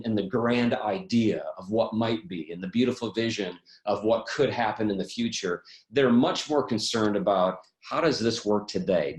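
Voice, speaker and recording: Man teaching a webinar, echoey room. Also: fairly low pitch. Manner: animated storyteller, many repeated restarts. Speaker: coach and webinar presenter. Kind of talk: webinar lecture with personal stories.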